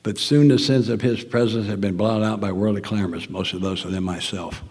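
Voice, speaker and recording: A man's voice: fairly low pitch, fairly even intonation, fairly quick, darkish tone, slightly rough, big-room sound. An older man with a Southern American accent, telling his story in an earnest, plainspoken way at a recovery meeting, sometimes dropping to a near whisper. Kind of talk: personal talk at a recovery meeting.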